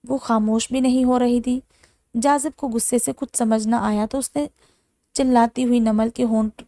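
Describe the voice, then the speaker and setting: A woman narrating a romance novel in a steady, dramatic audiobook style. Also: a little high, gravelly, no room sound, clean studio sound.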